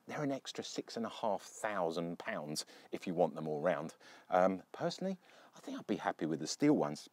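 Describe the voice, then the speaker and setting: A man's voice: medium pitch, dry recording. A man presenting a casual car review walkaround outdoors beside a car, chatty and storytelling, often asking the viewer questions.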